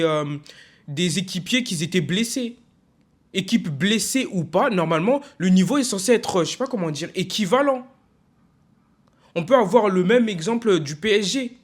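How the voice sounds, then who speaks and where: Frustrated young man ranting casually. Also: high voice. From France. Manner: frustrated, emphatic, halting with many fillers and restarts. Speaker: football vlogger. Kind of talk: casual video rant.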